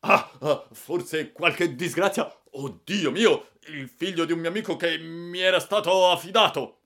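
A man's voice: a little high, a little slow, pitched above the performer's own voice. Man doing a sputtering, furious old salesman. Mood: panicked. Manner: shouting, sputtering outbursts. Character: flustered irate older male salesman.

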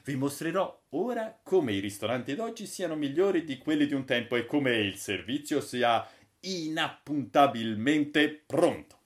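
A man's voice: medium pitch, voice pushed up, close to an everyday voice. A man voicing a confident guide who explains a future world to visitors, assured and explanatory. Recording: roomy echo.

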